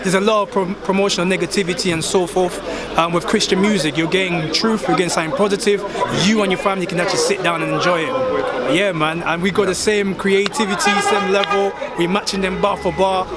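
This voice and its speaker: A man's voice: sits high, fairly quick. A young man from Congo, talking casually and earnestly about his music in an interview outdoors at a live event. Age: young adult. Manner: relaxed, earnest, slangy with frequent "innit". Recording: loud music and crowd behind. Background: loud music and crowd.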